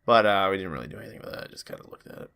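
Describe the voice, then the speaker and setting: Man, tired, rambling game commentary, bright edgy tone, low-pitched. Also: lively intonation, racing, creaky, smooth. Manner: rambling, acts out his own reactions in quotes. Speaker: gaming YouTuber. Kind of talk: casual gameplay commentary.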